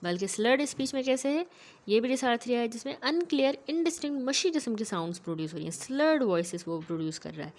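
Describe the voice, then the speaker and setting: A woman giving a methodical, explanatory medical lecture, often pausing to check in with her students. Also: fairly high pitch, expressive. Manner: methodical, keeps checking in with "ठीक है".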